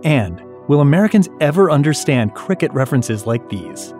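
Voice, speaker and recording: A man hosting a news podcast, reading scripted narration and asking interview questions in a measured, lightly playful way. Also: on the high side, sing-song, over music. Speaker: podcast host.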